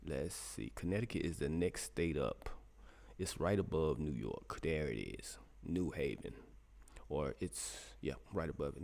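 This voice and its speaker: Gravelly deep-voiced man, casual radio chat. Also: darkish tone. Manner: loose, joking, talks to himself while searching. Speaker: radio show host reading weather to chat. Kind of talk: casual live-stream chat.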